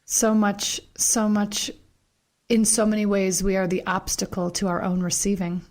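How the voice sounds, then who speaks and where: Woman interviewer, middle pitch, engaged and emotive. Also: fairly even intonation, a little slow, a little mellow. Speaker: host. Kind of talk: conversational interview.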